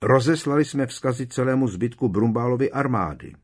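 A man's voice: mid-range voice, breathy edge, pitched above the performer's own voice, natural voice. A man reading aloud, voicing a cheeky teenage boy who teases and jokes. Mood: teasing.

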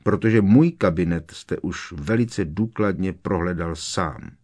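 A cold, sneering potions master hisses his clipped replies through clenched teeth, as a male audiobook narrator puts him on. The voice sits very low and stays icy and guarded. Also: a little mellow. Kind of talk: audiobook character voice.

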